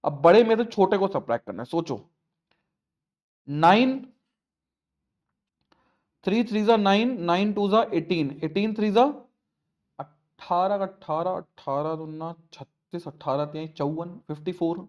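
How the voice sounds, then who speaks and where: High-voiced coaxing male maths teacher. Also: measured pace, pauses often, a little mellow. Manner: coaxing, asks students questions, repeats points. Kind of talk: classroom lesson explanation.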